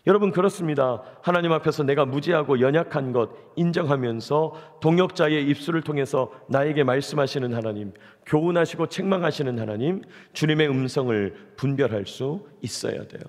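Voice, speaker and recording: A man's voice: a little high, brisk, hardly any pauses, long reverb tail. A man pastor preaching a sermon, speaking to the congregation with rhetorical questions.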